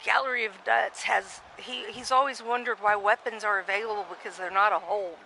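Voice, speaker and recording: A woman commentating a simulated wrestling match in a loose, chatty way. Her voice is bright and sharp. She rambles, restarts her sentences and reads viewer comments aloud. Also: medium pitch, vocal fry, a little hiss or hum, poor audio. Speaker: play-by-play commentator.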